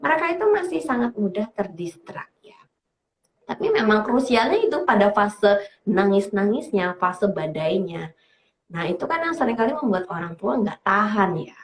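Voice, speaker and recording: A woman psychologist giving parenting advice on a talk show, speaking in a lively way, laughing often and acting out parents and children. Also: medium pitch, normal speed. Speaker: psychologist guest. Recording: roomy echo.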